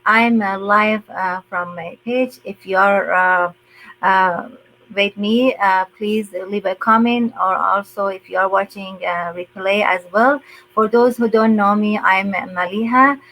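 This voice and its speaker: An older woman hosting a live online interview, talking slowly with many hesitant fillers. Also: mid-range voice, steady tone, fairly bright tone, a little hiss or hum, rough recording. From USA resident. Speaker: host.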